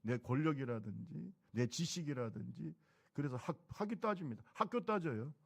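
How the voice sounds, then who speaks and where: A man's voice: medium pitch, expressive, moderate pace, vocal fry, husky. A middle-aged man preaching a sermon as pastor of his church, talking in a conversational way and firing rhetorical questions at the congregation. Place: church sanctuary.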